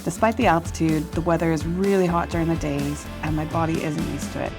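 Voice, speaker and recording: A woman with a low voice narrates her travel film in a scripted, measured way. Her delivery is reflective, with faint music running beneath it. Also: fairly even intonation. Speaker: vlog narrator.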